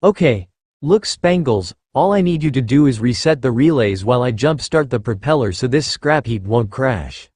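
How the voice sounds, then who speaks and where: A man's voice: mid-range voice, animated, normal speed, darkish tone, slightly rough, dry recording, studio quality. A man reading the lines of a brash, sarcastic female inventor in a fan-fiction story, in a clipped manner. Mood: sardonic.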